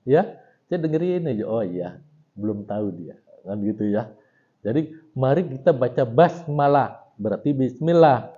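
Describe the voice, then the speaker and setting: Middle-aged man, religious study lecture, slow measured delivery, mellow dark tone, dull lo-fi recording. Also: fairly high pitch. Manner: chants Arabic text slowly, then explains casually with chuckles. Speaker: Islamic scholar teaching a religious text.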